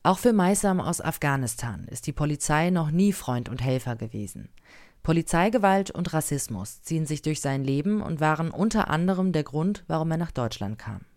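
A woman hosting a podcast, reading a scripted narration in a measured, summarizing way. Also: low voice, a little mellow, no echo, clean studio sound. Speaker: podcast host.

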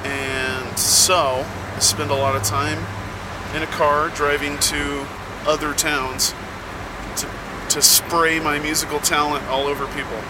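Male podcast host, casual and halting, slow pace, talking inside a truck cab with heavy road-vehicle noise behind him. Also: a little high, level tone. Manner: slow, halting delivery with many pauses. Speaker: touring musician. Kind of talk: casual, rambling spoken monologue. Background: loud vehicle and air noise.

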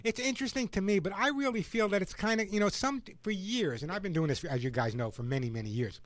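A man's voice: high voice, animated, fast talker, dry recording. A man hosting a radio call-in show in a casual, chatty talk style.

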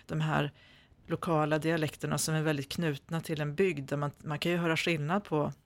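In a dry recording, a man from Sweden answers interview questions as an author in standard Swedish, his fairly high voice showing little pitch movement. The conversational interview finds him hesitant, full of fillers and restarts.

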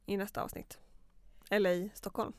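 A woman's voice: mid-range voice, flat delivery, darkish tone, clean tone. A young woman co-hosting a podcast in casual, musing chat. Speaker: podcast co-host.

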